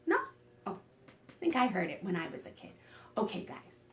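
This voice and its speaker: This storytime host reads to preschoolers in an animated way, coaxing them along with questions. She speaks at a normal speed in a sing-song voice on the low side, with a little hiss or hum in the recording.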